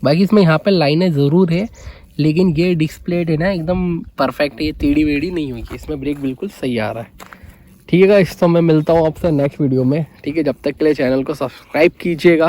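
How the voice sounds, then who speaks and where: A motorbike vlogger with a fairly high, warm voice explains a brake repair casually and conversationally. He checks in with his viewers often, saying "guys" and "okay" again and again.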